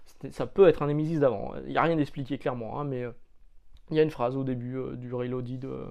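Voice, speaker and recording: A man's voice: medium pitch, steady tone, fast, gravelly, darkish tone. A man from France talking casually about comics, chatty and jokey, with lots of hesitant fillers. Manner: jokey, loose slang. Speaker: comics reviewer.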